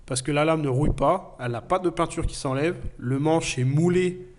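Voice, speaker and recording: This casual knife review comes from a man with a cold whose voice is fairly high, darkish in tone, and at normal speed. He's plain and earnest but hesitant, dropping in many fillers.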